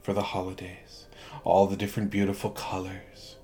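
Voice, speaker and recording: A man guiding a hypnosis relaxation induction in a soothing, measured way, leaving long pauses between phrases. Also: low-pitched, monotone, dark tone. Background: background music.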